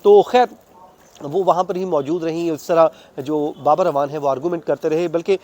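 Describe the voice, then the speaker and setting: A Pakistani-accented man, reporting on court matters, speaks at a moderate pace in a warm, fairly high voice with fairly even intonation. His unscripted account is conversational, going through events in detailed steps with English legal terms mixed in.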